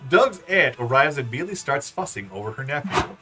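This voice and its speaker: A man reads a video game aloud and chats between lines. His voice is bright and very animated, over faint music. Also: medium pitch, fast. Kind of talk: playful game read-aloud narration with casual chat.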